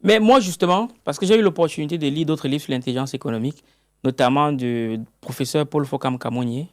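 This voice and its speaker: A man's voice: fairly high pitch, brisk, no room sound, clean studio sound. A man interviewing a guest, posing long, reasoned questions and giving short murmurs of agreement while listening. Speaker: interviewer working in the book field.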